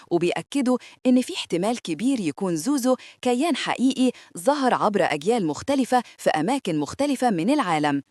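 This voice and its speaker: Lively, fast Egyptian woman narrator. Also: mid-range voice, no echo, studio quality. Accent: Egyptian Arabic. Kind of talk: scripted horror narration.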